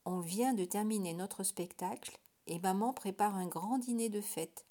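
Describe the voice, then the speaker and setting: A curious little girl with long wavy hair in a storybook, as a woman reader puts her on. She chatters quickly and warmly, inviting a stranger to dinner. Simple and friendly. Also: mid-range voice, lightly acted.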